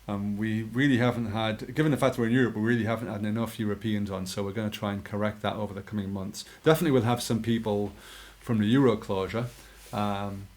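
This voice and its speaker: Laid-back guy with a lowish voice on a tech podcast, jokey, trails off. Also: fairly even intonation, fast talker, few pauses. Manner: easygoing, laughs often, trails off softly. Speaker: podcast co-host. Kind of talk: casual podcast chat.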